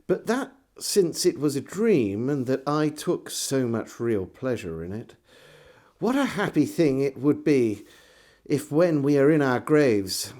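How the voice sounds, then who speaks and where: An English man with a medium-pitched, sing-song and slightly mellow voice acts as storyteller and host, introducing and narrating an old diary. His scripted reading is measured and theatrical.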